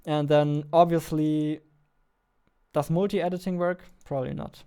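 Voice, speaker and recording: In an unhurried, fairly even delivery, the young game developer's high-leaning voice comes across warm, clear and resonant. He's in his 20s, chatting casually while working on a livestream from a small home studio through a close studio mic on a boom arm.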